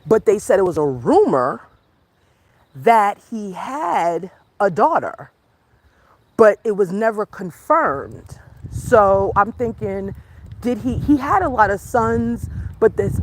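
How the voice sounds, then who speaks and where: An American woman from the United States hosts a livestream while out walking in a rural or natural outdoor setting, chatting casually and rambling to viewers. Her medium-pitched voice swings widely in pitch at a measured pace, with a little hiss or hum in the background.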